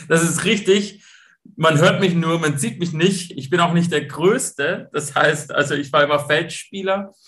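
A middle-aged man with a Swabian accent, answering as a guest in a podcast interview and explaining his coaching work in a lively way. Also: on the high side. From Swabia, Germany. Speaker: guest, youth football coach and company owner.

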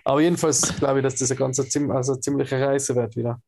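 A man's voice: mid-range voice, steady tone, fast talker, gravelly, warm tone, a little hiss or hum. A man, co-hosting a casual film podcast, rambling with many fillers and restarts. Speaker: podcast co-host.

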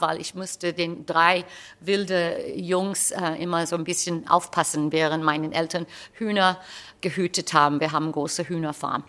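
A woman's voice: mid-range voice, sharp tone. An older woman with an American accent, telling anecdotes in casual, humorous interview talk. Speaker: stage performer interviewed about a production.

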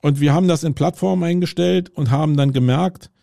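With a fairly high, creaky, dark-toned voice and a slightly fast pace, a middle-aged German podcast host talks things through aloud on a city street with roadwork noise. His casual solo monologue is full of fillers and restarts, and the sound is clean studio quality with no room sound.

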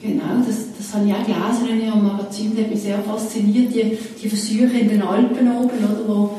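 A woman's voice: medium pitch, flat delivery, a little fast, dark tone, slight background noise. Distant woman interviewer. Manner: curious, engaged questioning. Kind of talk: conversational interview questions. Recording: distant voice in an echoey room.

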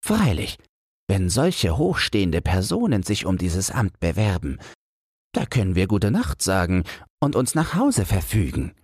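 A man voicing a herring head in a fairy tale, a fussy and lowly figure. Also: wildly swooping pitch, unhurried, darkish tone, slightly rough, no room sound, clean studio sound, heavily acted. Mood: startled, grumbling.

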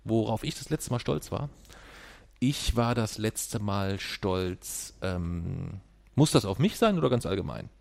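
A man's voice: on the low side, expressive, unhurried, vocal fry, a little mellow. A man in his forties talking casually with his son, teasing and arguing, sometimes acting out what others said. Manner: teasing, argumentative, acts out quotes. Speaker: father. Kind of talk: casual family conversation.

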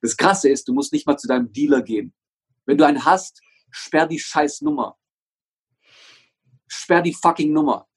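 A man's voice: on the high side, normal speed, pauses often, slightly rough. A young man as an interview guest and motivational coach, talking with energy, swearing often and driving his points home by repeating them. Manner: emphatic, swears often, hammers phrases through repetition.

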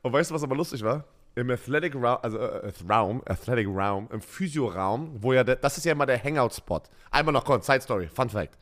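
A German man co-hosting a casual football chat, telling lively stories and laughing often. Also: mid-range voice, brisk. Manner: animated storytelling, laughs a lot. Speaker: podcast co-host, former football player.

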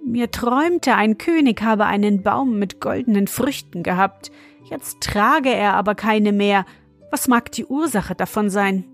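A woman voicing a kind but brisk young wife in an ogre's house, urgent and bossy. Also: mid-range voice, faint music behind. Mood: coaxing.

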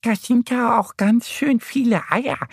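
A man voicing Enny, a cheerful little female duck in a children's storybook, speaking in a bright, delighted way. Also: very high-pitched, measured pace, vocal fry, husky, no room sound, clean studio sound, pitched above the performer's own voice, heavily acted. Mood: happy. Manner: bright and enthusiastic.

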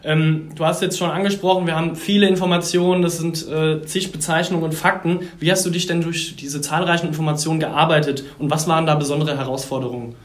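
Fast-talking male podcast host, roomy sound. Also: a little high, fairly even intonation. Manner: reads a scripted intro, then asks long questions. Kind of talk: podcast interview.

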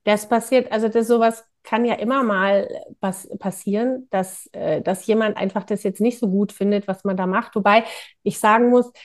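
A middle-aged woman, a business coach, telling lively and emotional stories in a casual interview and acting out quoted dialogue. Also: mid-range voice, normal speed.

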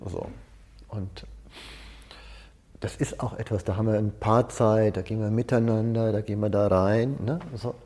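Leading an informal seminar, this man mixes in personal stories and keeps checking in with quick tag questions. His warm, lowish voice holds a fairly even intonation at a moderate pace, broken by frequent pauses.

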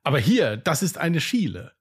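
A man's voice: fairly high pitch, big pitch swings, moderate pace, breathy edge, exaggerated voice. A man playing a clueless, gushing rich woman visiting a museum in a joke. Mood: eager. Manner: eager and naive.

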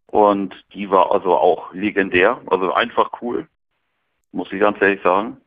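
A man calling in over the phone from a hotel room, chatting in a relaxed, storytelling way. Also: low-pitched, normal speed, dry recording. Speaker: caller. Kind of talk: casual chat. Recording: tinny phone line.

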